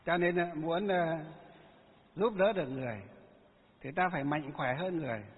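A man's voice: a little high, moderate pace, breathy edge. A man giving a Buddhist sermon as a monk. He often asks his listeners rhetorical questions and then answers them himself. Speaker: Buddhist monk teaching lay followers. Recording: echoey hall over a tinny phone-like line.

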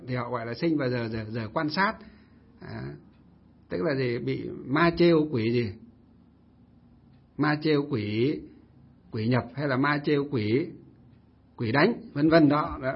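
A male Buddhist monk telling a story in a casual, lively way, often acting out what others said. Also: mid-range voice, unhurried, long pauses, husky. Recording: dull lo-fi recording.

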